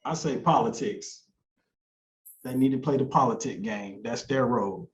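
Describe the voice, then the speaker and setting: A man's voice: mid-range voice, normal speed, slight background noise. A man contestant on a video-call game show, blunt and teasing. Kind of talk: casual banter. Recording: muffled, roomy call audio.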